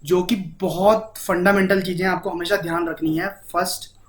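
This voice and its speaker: A man with an Indian accent gives a casual Hindi coding lesson, chatting with his listener, often checking in with a repeated "ठीक है?" and mixing English terms into his Hindi. His voice is high, with little pitch movement, at a moderate pace.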